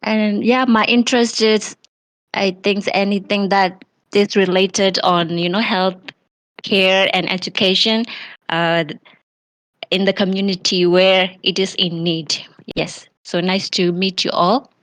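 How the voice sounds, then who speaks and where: A young woman from Myanmar speaks slowly and hesitantly, stopping often to correct herself. The sound is dry and close. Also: mid-range voice, fairly even intonation, a bit bright, no room sound, low-quality recording. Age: young adult.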